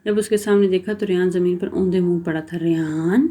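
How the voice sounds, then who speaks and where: A woman storyteller reading a romance novel aloud in a steady, dramatic manner. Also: fairly low pitch.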